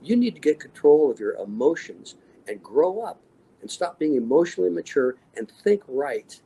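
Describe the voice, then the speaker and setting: A man's voice: on the high side, very animated, normal speed, gravelly, dark tone, husky, rough recording. A man in his sixties, an extreme athlete and interview guest, telling motivational stories in short, punchy, emphatic statements. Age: 60s. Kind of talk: motivational storytelling.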